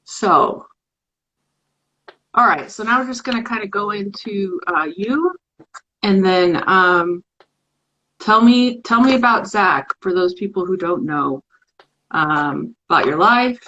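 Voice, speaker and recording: A woman's voice: mid-range voice, lively intonation, takes it slowly, long pauses, bright, forceful tone, lo-fi sound, a little hiss or hum. Playful woman hosting a live stream. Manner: chatty and playful, reading a fill-in word game aloud. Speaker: host of a live poetry show. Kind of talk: casual live-stream chat. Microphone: phone or webcam for a live stream.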